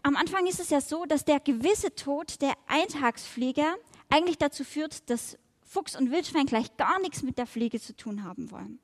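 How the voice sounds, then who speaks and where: A woman reading a children's story aloud and then reflecting on it in a gentle, measured way, in a large hall. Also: sits high, animated.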